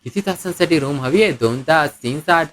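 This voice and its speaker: A man's voice: on the high side, expressive, brisk, fairly bright tone. A man voicing a sleepy, cheeky male hotel receptionist with a teasing manner. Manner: teasing, smirking.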